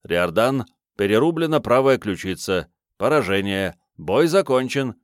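A man's voice: on the low side, expressive, measured pace, clean tone, no echo, clean studio sound. A man voicing a gloomy male instructor who tersely calls out hits in a training duel. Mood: announcing. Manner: terse, formal calling of hits.

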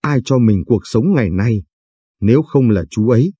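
A man's voice: medium pitch, expressive, normal speed, dark tone, slightly rough, no room sound. A man reading as a flustered young woman. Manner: flustered, scolding. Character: shy young woman of twenty-two, easily flustered.

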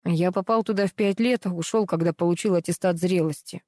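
A woman voicing a calm, restrained adult son and husband in an audiobook reading. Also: on the low side, a little fast, no room sound, studio quality, lightly acted.

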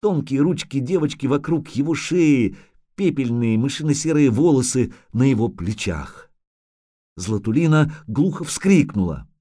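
Expressive male audiobook narrator. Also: medium pitch, measured pace, no echo, clean studio sound. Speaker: audiobook reader.

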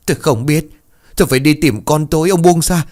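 A man's voice: a little high, fairly quick, a little mellow, voice pushed up, close to an everyday voice. Man doing a frantic wailing mother. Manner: wailing, insistent pleading. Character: distraught middle-aged mother, frantic and pleading.

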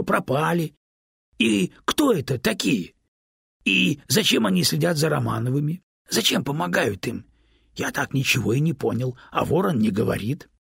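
A man's voice: a little high, very animated, moderate pace, creaky, a bit bright, breathy edge, no room sound, clean studio sound, pitched above the performer's own voice, heavily acted. A man reading an audiobook, voicing an elderly male stone who complains and pesters eagerly in a raised, insistent voice. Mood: eager, indignant. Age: older. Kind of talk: audiobook character voice.

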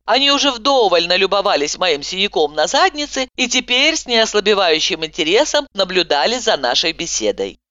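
Expressive woman audiobook narrator. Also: mid-range voice, fairly quick, few pauses, no room sound, muffled recording. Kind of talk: first-person audiobook narration.

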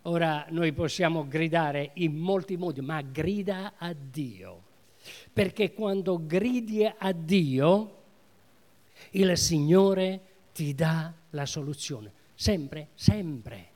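A man's voice: a little high, slow, darkish tone. A man preaching a sermon in a church, emphatic, repeating key phrases and putting questions to the congregation. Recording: reverberant church hall.

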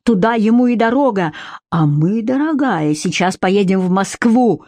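A man's voice: high-pitched, lively intonation, moderate pace, a little mellow, no room sound. A woman reading the part of a jealous, scornful husband who mocks and bursts out in anger. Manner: mocking, contemptuous, bursts of anger.

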